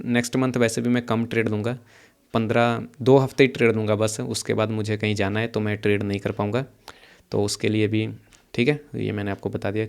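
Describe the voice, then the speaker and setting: Young male trader, casual screen-share walkthrough, quick and chatty, repeats himself, middle pitch. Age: young adult. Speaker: options trader explaining his trades. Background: some background noise.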